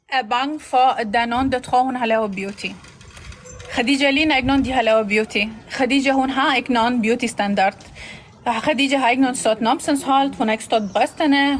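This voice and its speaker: A woman hosting a casual livestream, talking in a rambling, halting way with broken grammar. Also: sits high, slight background noise, poor audio.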